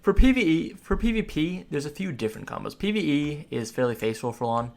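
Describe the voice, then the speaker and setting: A man's voice: fairly high pitch, very animated, brisk, vocal fry, darkish tone. A man giving casual, explanatory gameplay commentary, rambling through ability names and tips as he plays. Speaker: gamer giving a character class guide. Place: indoors at a computer, voice over gameplay.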